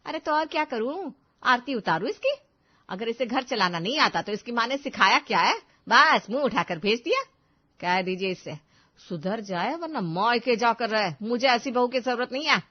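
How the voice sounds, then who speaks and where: A woman playing a sharp-tongued, bossy middle-aged mother-in-law in an audio drama, scolding one moment and sugary the next. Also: a little high, lively intonation, moderate pace. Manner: scolding, then sugary sweet. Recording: slightly dull lo-fi recording.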